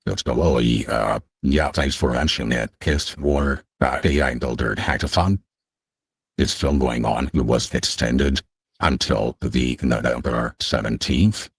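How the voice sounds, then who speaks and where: A man's voice runs through a voice changer that drops it extremely deep, with a husky, breathy grain. He talks slowly and haltingly, with many filler sounds, as a guest in a casual online chat. The sound is dry and close. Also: no echo. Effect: voice changer shifting the voice very deep. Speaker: guest representing a project.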